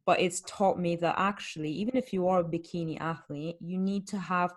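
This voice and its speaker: Her voice sits on the low side, steady in tone and brisk in delivery. She's a fitness coach hosting a casual podcast, talking candidly and using rhetorical questions to make her explanations land.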